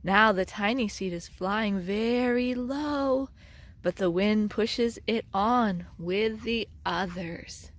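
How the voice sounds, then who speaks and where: A woman reading a children's picture book aloud as a storyteller, in an expressive, deliberate way with dramatic emphasis. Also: mid-range voice. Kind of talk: children's read-aloud narration.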